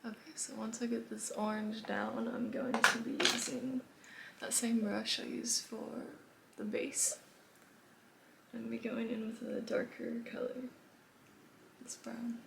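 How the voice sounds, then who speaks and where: A woman's voice: a little high, level tone, measured pace, vocal fry, pauses often, background noise. A woman giving a casual, chatty makeup tutorial, rambling and often dropping to a whisper. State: a bit out of breath. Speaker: makeup vlogger.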